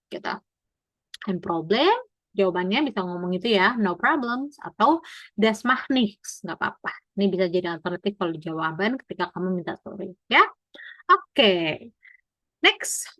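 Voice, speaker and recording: A woman's voice: medium pitch, fairly bright tone, no room sound. A woman teaching German in an online class over a video call, explaining patiently, mixing in English and quizzing her students.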